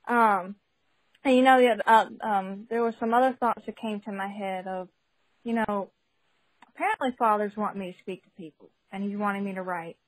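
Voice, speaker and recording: A woman's voice: mid-range voice, steady tone, normal speed, no echo. Young woman, phone call-in testimony, chatty and giggly, dry sound. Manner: chatty and giggly, many fillers and restarts. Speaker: caller sharing a testimony. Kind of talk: casual spoken testimony.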